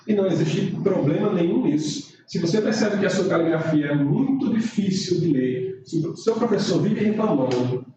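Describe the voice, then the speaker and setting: A man's voice: high-pitched, lively intonation, moderate pace, few pauses. A male teacher explains writing errors step by step, checking in often with "tá?". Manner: explanatory, frequent "tá?" check-ins. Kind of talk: online writing lesson. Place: room, recorded live stream. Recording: roomy, distant, dull mic with noise.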